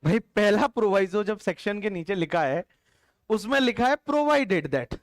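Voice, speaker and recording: A man's voice: high voice, moderate pace, no echo, clean studio sound. A man teaching tax law in a classroom lecture, colloquial and explanatory, who quizzes the class and repeats the answers aloud.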